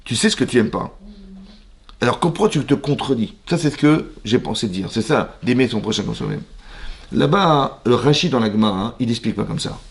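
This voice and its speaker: A man with a French accent, a rabbi teaching a Torah lesson in a synagogue, lively, asking the audience questions and acting out little dialogues. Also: medium pitch, fairly quick.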